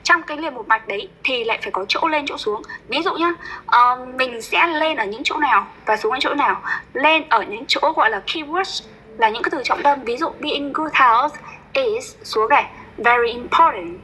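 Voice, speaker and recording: A woman coaching a student's English pronunciation. She is patient and coaxing, and she says words slowly and repeats them. Her voice is bright and fairly high, with a faint hiss behind it. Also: animated, poor audio. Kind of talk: one-on-one online tutoring.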